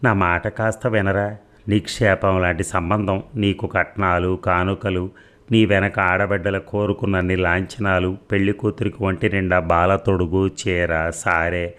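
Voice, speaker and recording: A man's voice: deep voice, level tone, unhurried, fairly bright tone, clean tone. A man voicing a fussy old grandmother who coaxes and scolds her grandson. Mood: coaxing. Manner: coaxing then scolding.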